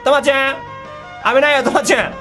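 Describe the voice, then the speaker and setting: Jumpy, high-voiced woman gaming. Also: steady tone, a little fast, a bit bright. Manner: jumpy, easily startled, exclaims and repeats words. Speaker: game streamer. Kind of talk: horror game let's play commentary. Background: music.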